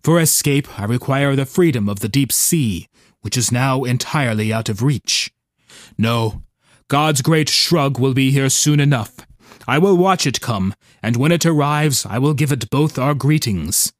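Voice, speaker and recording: A man voicing a shy, gentle, philosophical male octopus in a storybook reading, speaking softly and formally in a low, dark-toned voice. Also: measured pace, no echo, clean studio sound, close to an everyday voice. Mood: calm. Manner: soft-spoken, formal and calm.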